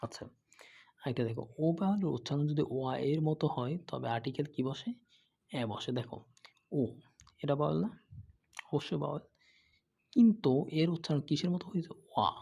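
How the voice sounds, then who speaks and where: A man's voice: fairly high pitch, vocal fry, dark tone, lo-fi sound. A man teaching English grammar who explains patiently, asks questions and answers them himself, and often checks "okay?". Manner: patient, repeats examples, frequent "okay?" checks. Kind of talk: explaining lesson, asking and answering own questions.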